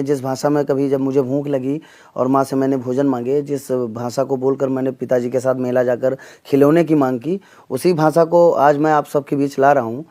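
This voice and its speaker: A man from the Gonda region, a comedian answering interview questions earnestly, with pauses and fillers. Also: medium pitch, mellow. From Gonda region, northern India. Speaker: comedian and mimic, interview guest.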